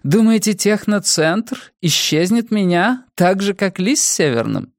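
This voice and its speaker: A man's voice: high voice, animated, a little slow, dry recording, voice pushed up. A man voicing a commanding older woman politician who speaks with cold, dry irony. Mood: wry. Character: aging female political leader, cool and ironic.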